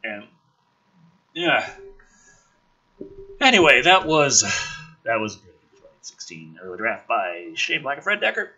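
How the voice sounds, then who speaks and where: This man has a mid-range, somewhat breathy voice and speaks unhurriedly with long pauses, captured on dull-sounding audio. Hosting a gaming and film commentary show, he performs scripts with animated drama and fills the gaps with sarcastic, groaning, profane reactions.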